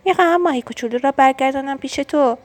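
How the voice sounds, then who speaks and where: A woman voicing a little girl turtle in a storybook reading, soft and childlike. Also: high-pitched, faint music behind, pitched above the performer's own voice, lightly acted. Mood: earnest.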